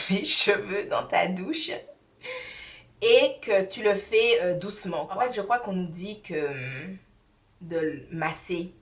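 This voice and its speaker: A woman's voice: fairly low pitch, far from the mic. A woman beauty vlogger reviewing products in a casual, rambling chat full of hesitations and fillers.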